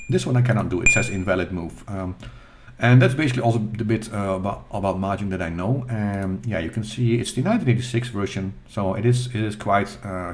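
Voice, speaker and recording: A middle-aged man with a fairly low voice hosts a retro gaming channel. He talks over gameplay casually and self-deprecatingly, halting, using fillers and restarting his sentences.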